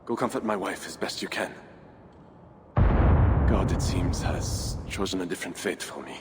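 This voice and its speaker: A man's voice: sits low, measured pace, very noisy. A man playing a proud, doomed Frankish count in a video game, with a courtly, theatrical delivery. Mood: resigned. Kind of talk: cinematic game dialogue. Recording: long hall reverb, music underneath.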